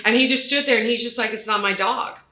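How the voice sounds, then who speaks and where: A woman real estate agent telling a story in a panel chat, animated and acting out her own quotes. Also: fairly high pitch, fast talker. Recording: roomy echo.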